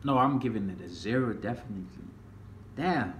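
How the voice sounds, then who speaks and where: A young man from the United States talking casually to a phone camera in a vlog, slow and drawling, often trailing off. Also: mid-range voice, lively intonation. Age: young adult. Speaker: vlogger. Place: small room indoors. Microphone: phone camera at arm's length. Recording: roomy phone recording, faint hiss.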